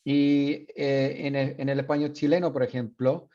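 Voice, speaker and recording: A university teacher explaining sound changes in a bilingual classroom lecture, mixing in English asides with frequent fillers. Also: male voice, mid-range voice, little pitch movement, normal speed, mellow, highs cut off. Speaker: university Spanish phonetics teacher.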